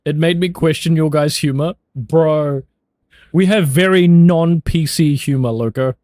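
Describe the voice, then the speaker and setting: A man's voice: on the high side, a little slow, a little mellow, no echo. A young man with a New Zealand accent chatting casually with his viewers, loose and jokey, swearing freely and laughing often. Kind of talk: casual chat.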